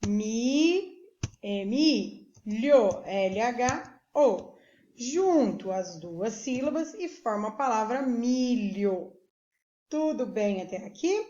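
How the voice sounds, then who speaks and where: Slow, syllable-spelling woman teacher, echoey. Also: on the high side, lively intonation, dark tone. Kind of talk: recorded literacy lesson. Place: remote classroom video recording. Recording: echoey room, dull lo-fi sound.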